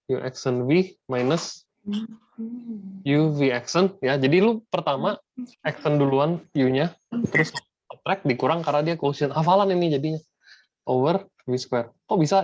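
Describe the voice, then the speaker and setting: A man's voice: medium pitch, a little mellow, no echo. A man tutoring math in a casual online lesson, slangy and dropping English math terms into his talk. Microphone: video call. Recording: dull lo-fi video call audio.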